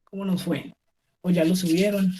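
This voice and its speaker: A woman's voice: lowish voice, fairly even intonation, moderate pace, warm tone, a little hiss or hum. Patient woman teaching on a video call. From Colombia. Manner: patient, checks understanding with frequent "¿sí?". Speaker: English teacher. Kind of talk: online class explaining pronunciation.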